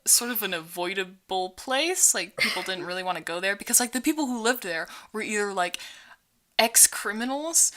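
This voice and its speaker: A young woman co-hosts a podcast in loose casual chat, her voice bright and forward. She tells the story with frequent laughs and slips into quick voices for the people in it. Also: medium pitch. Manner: animated storytelling, laughs often, acts out quotes. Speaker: podcast co-host.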